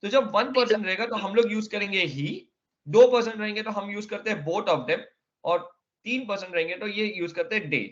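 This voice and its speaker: A man's voice: high voice, moderate pace, fairly bright tone, lo-fi sound. A man teaching a classroom lesson, explaining step by step and often checking that students follow. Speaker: Arabic teacher.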